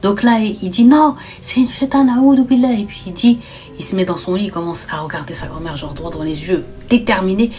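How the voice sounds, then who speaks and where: A young woman narrating a horror storytime in a casual, animated way. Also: medium pitch, a little fast, faint music behind. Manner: animated, drops to whispers at tense moments.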